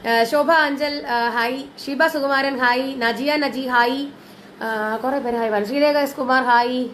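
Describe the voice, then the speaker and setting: Female live-sales host, higher register, casual and chatty despite a cold, some background noise. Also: steady tone, normal speed, fairly bright tone. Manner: chatty, mixing in English words. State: has a lingering cold and cough. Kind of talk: casual live sales chat, greeting viewers.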